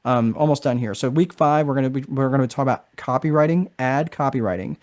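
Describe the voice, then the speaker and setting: A man's voice: medium pitch, fast talker, a little mellow. A man hosting a live online course session in a casual, chatty way, often tagging sentences with "right?". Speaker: marketing strategist presenting a course.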